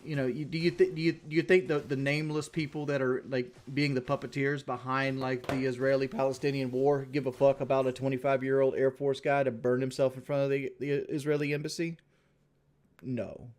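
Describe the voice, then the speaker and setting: Brisk and level, this man's mid-range voice has a darkish tone as he chats casually with livestream viewers. His talk is blunt and full of swearing, looping back on itself with frequent repetitions and restarts.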